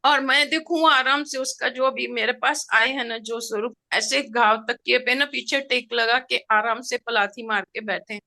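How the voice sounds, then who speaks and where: A middle-aged woman recounts a personal experience with open feeling and plenty of expression. Her voice sits a little high, with a bright, forceful edge. Now and then she slips English words into her speech. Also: fairly even intonation, moderate pace, few pauses. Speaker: participant sharing a personal experience. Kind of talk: emotional personal storytelling.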